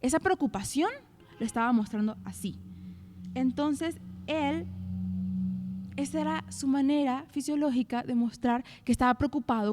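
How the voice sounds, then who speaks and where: A young woman co-hosting a Bible study podcast, retelling scripture in a lively way and acting out quoted complaints. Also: high voice, in a large hall. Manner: animated, acts out quoted complaints. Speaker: co-host.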